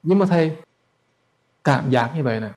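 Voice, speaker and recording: A man's voice: a little high, animated, moderate pace, darkish tone. A man, a Buddhist monk telling a story as a sermon in a colloquial, chatty way. He stumbles over repeated words and speaks straight to his listeners.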